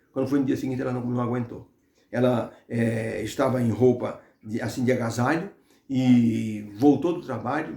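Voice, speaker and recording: A man's voice: mid-range voice, vocal fry, mellow. A man teaching a Bible lesson through devotional storytelling, talking conversationally with frequent hesitations. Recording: roomy echo.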